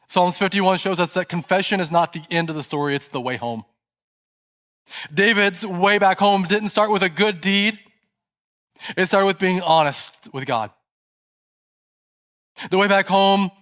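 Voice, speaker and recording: A male pastor preaching a sermon in a church, telling a story and dropping to a soft, hushed voice at tense moments. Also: high-pitched.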